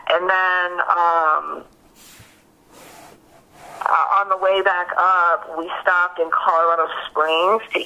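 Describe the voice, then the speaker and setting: Over a dull, lo-fi phone line, a woman tells an investigator what she witnessed, hesitant and casual, leaning heavily on fillers and saying "like" a lot. Her voice is on the low side, level and slow, with long pauses and a pushed, bright quality.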